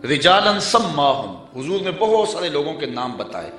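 A man's voice: on the high side, big pitch swings, a bit bright. A male preacher giving a sermon. He recites passages in Arabic and then explains them in Urdu. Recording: echoey room with faint music.

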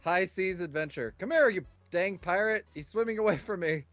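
A man's voice: high-pitched, moderate pace, fairly bright tone, faint music behind. A man hosting a casual multiplayer gaming session, often stammering and giggling. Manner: hesitant, stammering restarts, giggly. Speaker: gaming channel host.

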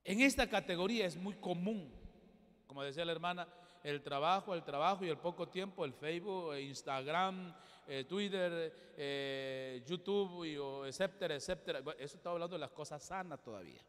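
A male pastor, preaching a sermon with emphatic swings between loud exhortation and quiet asides. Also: fairly high pitch, moderate pace. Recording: long hall reverb.

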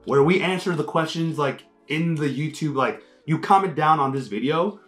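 Co-hosting while opening card packs, a young man chats casually and calls out card names with lively, excited outbursts. His voice is on the high side at a moderate pace, with faint music in the background.

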